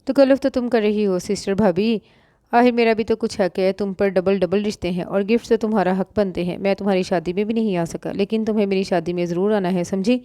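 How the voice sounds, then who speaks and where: A woman's voice: mid-range voice, fairly even intonation, quick pace, warm tone, no room sound, studio quality, lightly acted. A woman voicing a playful young man who jokes affectionately with his sister-in-law. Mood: teasing. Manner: jokey, affectionate banter.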